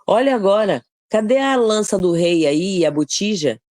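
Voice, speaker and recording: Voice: mid-range voice, very animated, moderate pace, warm tone, no room sound, studio quality, close to an everyday voice. Um leitor interpretando guerreiro bíblico jovem, tom de repreensão, enfático, voz escura, som seco, sotaque brasileiro. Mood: reproachful. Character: biblical young warrior taunting a general. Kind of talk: retelling a Bible scene in a study group.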